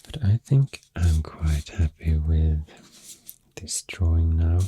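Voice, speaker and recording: Here the deep-voiced Swedish ASMR host sounds animated, though his delivery stays slow, hushed, and soothing. He rambles softly right up against the mic, breathy and often close to whispering.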